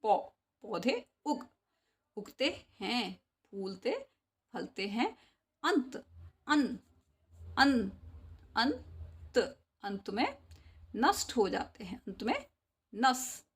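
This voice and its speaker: Slow-spoken woman teacher, patient and repetitive. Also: medium pitch, very animated, husky. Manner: explains slowly, repeating words syllable by syllable. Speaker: school teacher. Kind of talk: sung poem then spelling lesson.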